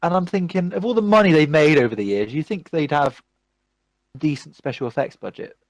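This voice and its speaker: A man's voice: a little high, fairly quick, no room sound. A man hosting a podcast, chatting casually and ranting at length about films. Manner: animated, rambling movie ranting. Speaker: podcast host. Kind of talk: casual chat.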